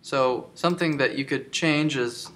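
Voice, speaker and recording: A man giving a screen-recorded software tutorial, explaining step by step with many filler ums. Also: mid-range voice, a little slow, slight background noise. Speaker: tutorial instructor.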